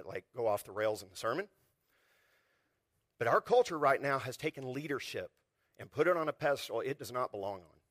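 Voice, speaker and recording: Animated male pastor preaching. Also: medium pitch, dry recording, clean studio sound. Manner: animated, conversational preaching with rhetorical questions. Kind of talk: sermon.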